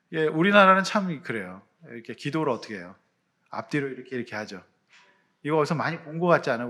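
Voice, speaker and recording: A man preaching a Sunday sermon as pastor, lively and emphatic, dropping into quiet acted prayers. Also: medium pitch. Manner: animated preaching, swinging from loud emphasis to hushed prayer voices.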